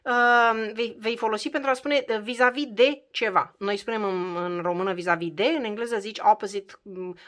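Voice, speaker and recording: A woman teaching an English lesson to Romanian learners. She talks conversationally, asks the listener questions, and slowly repeats words to drill their pronunciation. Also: mid-range voice, a bit bright.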